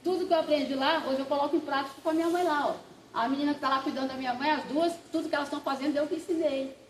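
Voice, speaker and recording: A woman pastor leads a Bible class of students in a church classroom, speaking directly to them in a chatty, animated way and acting out quotes from her personal anecdotes. Her voice sits high and she talks very fast, while the echoey room carries slight background noise.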